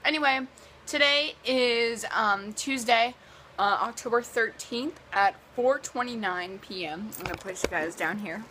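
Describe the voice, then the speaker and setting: A woman's voice: fairly high pitch, a little slow, sharp tone, slight background noise, rough recording. Chatty young woman with a sore throat. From US East Coast. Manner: chatty and rambling, many ums and likes. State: sore throat, partly lost voice. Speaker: vlogger. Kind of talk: casual vlog chat.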